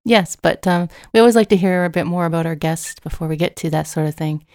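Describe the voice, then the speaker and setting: A woman co-hosting a community radio talk show, relaxed and a little hesitant. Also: on the low side, fast, dry recording, clean studio sound. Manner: relaxed, hesitant, many ums.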